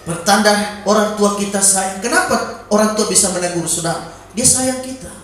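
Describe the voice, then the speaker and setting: A man preaching a sermon in a church, breaking into sudden shouted calls and exclamations. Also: sits high, normal speed, a little hiss or hum. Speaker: pastor. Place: church during a Wednesday evening service. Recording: very echoey church hall.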